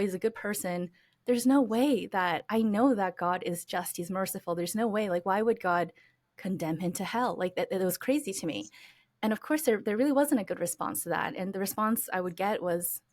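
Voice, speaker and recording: An American woman as an interview guest, telling her story reflectively with fillers and restarts. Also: mid-range voice. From United States. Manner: reflective, many fillers and restarts, laughs lightly.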